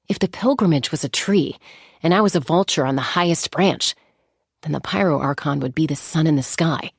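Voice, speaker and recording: Modest and reflective, a composed, confident young game heroine, a veteran flying warrior and peacemaker, performs a heavily acted scripted monologue. Her lowish, somewhat gravelly voice is calm, measured and articulate, recorded dry and close with no room sound.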